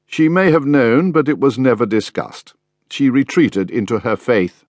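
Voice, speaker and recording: A gentle middle-aged father confessing softly, full of regret, as a man reads him in an audiobook. His voice moves expressively through the rises and falls of each sentence, close and dry. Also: mid-range voice, expressive, a little slow, no echo, lightly acted. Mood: remorseful. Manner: soft, apologetic.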